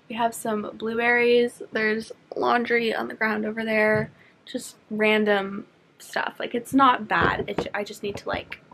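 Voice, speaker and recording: A woman's voice: on the high side, a bit bright, breathy edge. A young woman and college student vlogging her day in casual, upbeat chat, full of "like" fillers, filmed on a handheld camera in her dorm and around campus. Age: young adult. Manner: chatty and upbeat, with frequent "like" fillers. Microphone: handheld camera held close.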